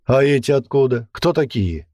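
A man's voice: medium pitch, lively intonation, normal speed, darkish tone, no echo, studio quality, pitched above the performer's own voice, close to an everyday voice. A man voicing a burly, coarse male commander who barks his orders. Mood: gruff. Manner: barking, boisterous.

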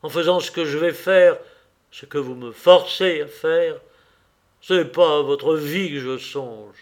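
Guy reading a bitter shaken scientist, accusing, pitched a bit high, audiobook. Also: unhurried. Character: scornful, shaken man of science.

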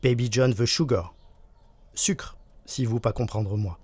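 A man's voice: medium pitch, measured pace, darkish tone, breathy edge, no room sound. A man voicing a cheeky seven-year-old boy who fakes a broken English accent, stubborn and pouty.

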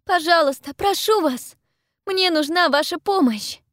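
A woman voicing a defiant young Victorian lady heroine in an audiobook, speaking in a loud, urgent, raised voice. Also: very high-pitched, unhurried, no room sound, clean studio sound, voice pushed up. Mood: urgent pleading. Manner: pleading then forceful, loud and urgent. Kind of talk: audiobook character voice.

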